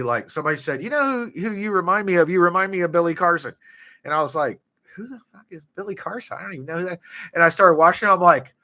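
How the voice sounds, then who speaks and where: Guy ranting on his livestream, swears a lot, sarcastic, bright edgy voice. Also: mid-range voice. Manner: blunt and profane, animated, sarcastic. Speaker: livestream host and author. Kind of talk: casual livestream monologue.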